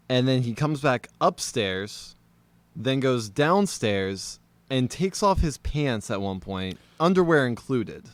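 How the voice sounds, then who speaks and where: Smooth-voiced man telling a story. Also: mid-range voice, no echo. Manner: animated storyteller, laughs often. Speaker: podcast co-host. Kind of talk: casual chat.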